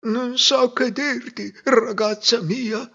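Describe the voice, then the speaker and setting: A man voicing an old male hermit in a fairy tale, slow, drawn-out and gentle. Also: extremely high pitch, steady tone, vocal fry, muffled recording, pitched above the performer's own voice, exaggerated voice. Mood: kindly. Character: old male hermit, kindly but helpless.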